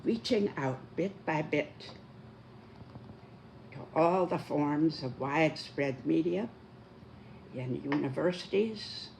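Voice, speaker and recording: A very old person in their nineties giving a prepared talk in a deliberate, emphatic elderly manner. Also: medium pitch, lively intonation, gravelly, a little mellow, a little hiss or hum. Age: 90s.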